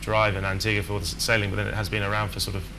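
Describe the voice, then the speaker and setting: Man, low voice, rapid talk, casual interview guest, chatty with fillers, noisy ambience behind. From England. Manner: relaxed, chatty, many fillers and restarts. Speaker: sailing skipper guest.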